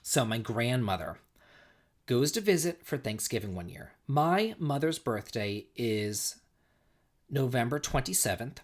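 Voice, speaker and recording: Sing-song and medium-pitched at a measured pace, this man in his forties from the United States hosts a casual livestream. He's a little tipsy, rambling and repeating himself as he tells stories and goes through chat.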